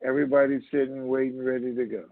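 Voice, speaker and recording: Over a muffled, narrow phone line, a man hosts a call-in conference call, chatting with callers off the cuff in a plain-spoken, folksy manner. His mid-range voice is fast, creaky and flat, and the recording is dry.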